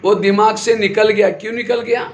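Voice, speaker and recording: Male spiritual teacher, high voice, quizzes the audience and answers himself, echoey hall. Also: flat delivery, moderate pace, muffled recording. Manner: asks the audience questions and answers them himself. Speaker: spiritual teacher giving a class. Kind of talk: sermon-style spiritual class. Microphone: handheld or stand mic. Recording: echoey hall with faint noise.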